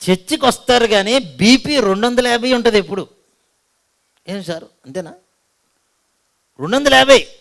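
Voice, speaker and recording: A male pastor with a Telugu accent preaching a sermon, asking the congregation questions and swinging between loud appeals and hushed asides. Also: high voice, lively intonation, fairly quick, gravelly.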